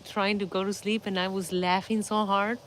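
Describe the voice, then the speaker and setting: A woman's voice: mid-range voice, little pitch movement, moderate pace, fairly bright tone. Middle-aged woman host, casual storyteller who keeps breaking into laughter; phone mic with faint background hiss. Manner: laughs often while telling a story. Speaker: livestream host.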